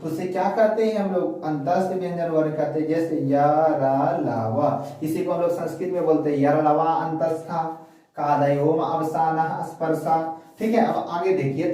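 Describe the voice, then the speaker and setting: A man teaching Sanskrit grammar online, asking questions and then answering them himself, slowly drilling syllables. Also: fairly high pitch, warm tone. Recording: very echoey, voice far from mic.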